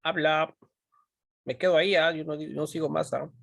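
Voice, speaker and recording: A woman's voice: low-pitched, steady tone, normal speed, gravelly, no room sound, studio quality. A woman teaching a philosophy class, constantly checking in with her students, asking them questions and pushing them to answer. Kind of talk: online pre-university class.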